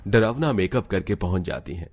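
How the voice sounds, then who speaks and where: A family cartoon is narrated by a man whose voice is very deep and low, keeping an even, steady storytelling delivery across scenes at a fairly quick pace.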